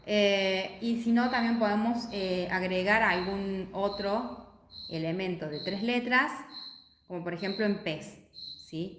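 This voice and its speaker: A woman's voice: medium pitch, fairly bright tone, echoey room. A woman teacher in an instructional video, explaining steadily and checking in with her audience.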